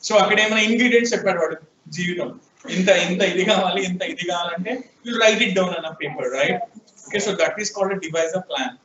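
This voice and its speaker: A man's voice: sits high, a bit bright, slight background noise. Telugu-accented man lecturing in an echoey classroom. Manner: questioning students, prompting answers. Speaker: programming teacher. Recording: echoey room, distant, dull lo-fi sound.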